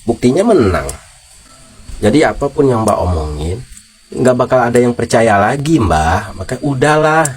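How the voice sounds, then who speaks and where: A man's voice: medium pitch, very animated, moderate pace, a little hiss or hum. A man with an Indonesian accent giving casual, mocking commentary as host, scolding and teasing as he talks. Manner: teasing, scolding, addresses his target as an old man.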